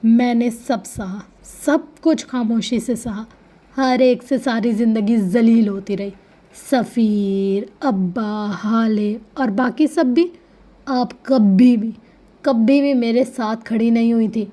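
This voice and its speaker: A woman's voice: fairly high pitch, fairly even intonation, close to an everyday voice. Woman doing a vengeful unhinged young woman. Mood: furious. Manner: shouting, then cold and clipped.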